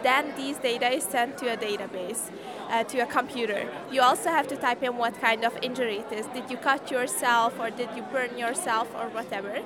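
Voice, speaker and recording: A Hungarian teen girl presents her science project in a casual interview, with crowd chatter behind her. She speaks fairly high and a little fast, hesitating often with many fillers and restarts.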